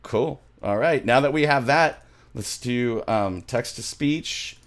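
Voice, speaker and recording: Slow and mid-range in pitch, this middle-aged man chats through a music production tutorial while sharing his screen. He's enthusiastic, wanders off topic and interrupts himself, recorded on a close studio mic in a small home studio, headphones on.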